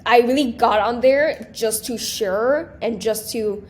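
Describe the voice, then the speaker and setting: On an interview show, a young Taiwanese guest who runs a small business talks in a casual, animated way, full of fillers and restarts. Her voice is a little high and her pace slow.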